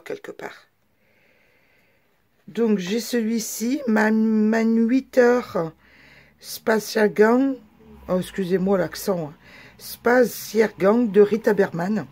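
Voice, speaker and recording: A woman's voice: mid-range voice, mellow. A woman vlogger presenting her books in a chatty, hesitant way, full of fillers and restarts. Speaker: craft vlogger. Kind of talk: casual show-and-tell video.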